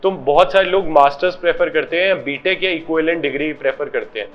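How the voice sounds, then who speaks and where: A man's voice: on the high side, fast, lo-fi sound, soft background music. A man hosting an interview, asking questions and turning to the viewers, mixing into Hindi. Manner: addresses viewers directly, mixes English into Hindi. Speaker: host interviewer.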